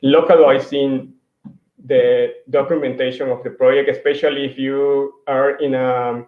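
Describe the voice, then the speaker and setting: Over a video call, a conference speaker from Mexico presents slides for a tech talk, his voice at ordinary pitch and barely moving up or down. Spanish is his first language, and he keeps pausing on fillers and starting sentences over. The echoey room and computer mic make the audio somewhat dull and lo-fi.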